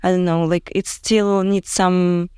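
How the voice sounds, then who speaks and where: A woman from Russia with a Russian accent, speaking English as a second language and often pausing to search for words as an interview guest. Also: on the low side, level tone, warm tone, smooth, no room sound, clean studio sound. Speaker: guest musician. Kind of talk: casual interview chat in English.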